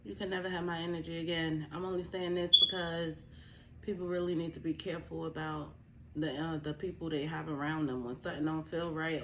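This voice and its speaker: A woman's voice: low voice, a little hiss or hum. A young woman vlogging a candid personal rant to camera, blunt and profane, telling her story emphatically. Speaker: vlogger, spiritual advisor.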